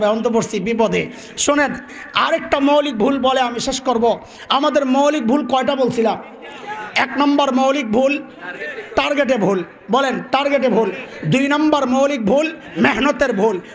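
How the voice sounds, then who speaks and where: A man preaches a sermon. He fires questions at the crowd and has them shout the answers back, and he acts out the people in his stories. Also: extremely high pitch. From Bangladesh. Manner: animated call-and-response, quizzing the crowd; acts out characters in dialogue.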